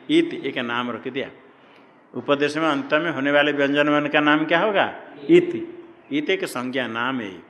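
A man's voice: a little high, fairly bright tone. A man teaching a class on Sanskrit grammar. He repeats key terms and puts questions to his students. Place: ashram classroom. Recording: long hall reverb.

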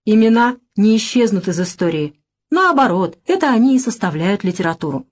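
A woman's voice: mid-range voice, sing-song, fairly quick. A woman reading an irritable bookish young man. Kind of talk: audiobook reading.

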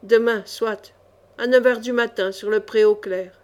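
A woman voicing a cool, ironic young male chevalier in a storybook reading, calm and mocking. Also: on the high side, unhurried, close to an everyday voice.

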